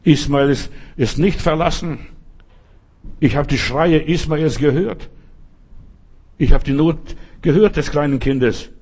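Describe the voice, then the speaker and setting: A preacher voicing God, speaking slowly and emphatically with repeated phrases and a husky voice. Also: male voice, fairly high pitch, a little mellow. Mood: solemn. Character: God, a calm fatherly male voice.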